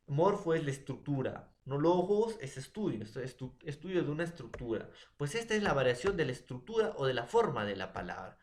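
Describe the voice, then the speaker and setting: A young man presents a lesson. His voice sits at an ordinary middle pitch. He keeps turning to the teacher and checking in with short tag questions, and the room around him echoes. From Peru. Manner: addresses a teacher often, with many fillers and tag questions. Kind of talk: classroom presentation.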